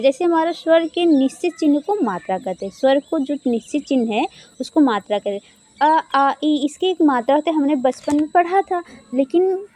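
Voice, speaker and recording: A woman's voice: sits high, warm tone. A woman teaching an exam-prep grammar lesson. She asks questions and answers them herself, and stretches out sounds to show them. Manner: asks and answers her own questions, drawls sounds to demonstrate.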